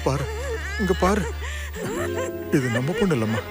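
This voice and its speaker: Worried father, lively rising-falling voice over loud music. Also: fairly high pitch, measured pace. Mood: consoling. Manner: consoling, repetitive, pleading. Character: middle-aged father soothing his crying wife. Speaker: father of the missing girl. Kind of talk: film drama acting. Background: loud film score music.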